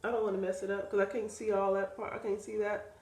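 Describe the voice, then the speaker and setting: A woman's voice: medium pitch, level tone, fast, darkish tone. Nasal-sounding woman in an echoey room. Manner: chatty, talks to viewers while working. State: stuffy, nasal from sinus trouble. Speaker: wig seller demonstrating a wig install. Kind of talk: casual how-to vlog chat.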